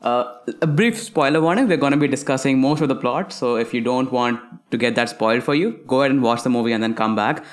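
A man's voice: medium pitch, quick pace, few pauses. A sleep-deprived man co-hosting a casual podcast, sarcastic and joking. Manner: sarcastic, joking, laughs a lot. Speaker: podcast co-host.

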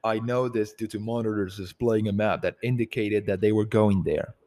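A man's voice: fairly low pitch, fairly even intonation, normal speed, darkish tone, lightly acted. A man voicing a commanding creature leader.

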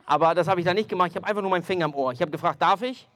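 A man preaching, telling a testimony in an animated storytelling way and speaking straight to his listeners. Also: high-pitched, rapid-fire. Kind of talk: sermon testimony.

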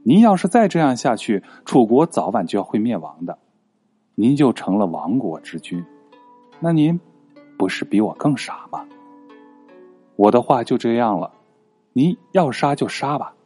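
A man's voice: mid-range voice, big pitch swings, normal speed, long pauses, warm tone, husky, soft background music. A man doing an earnest, loyal old minister. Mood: defiant. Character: loyal grieving male minister, blunt and earnest.

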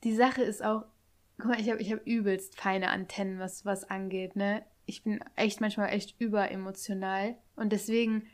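A woman's voice: mid-range voice, little pitch movement, moderate pace. A young woman chatting casually and retelling a story with lots of tag questions and acted-out quotes. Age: young adult.

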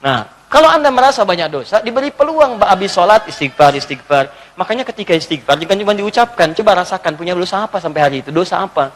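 A man preaching a sermon in a mosque hall. He questions his listeners and swings between emphatic urging and hushed lines. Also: high-pitched, expressive, fast, hardly any pauses. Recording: long hall reverb.

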